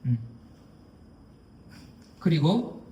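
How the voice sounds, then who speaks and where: A man's voice: drawn-out words, warm tone, far from the mic, a little hiss or hum. A man preaching a sermon as pastor, emphatic, acting out quoted speech, with frequent fillers. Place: church sanctuary. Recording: echoey hall, voice heard from afar.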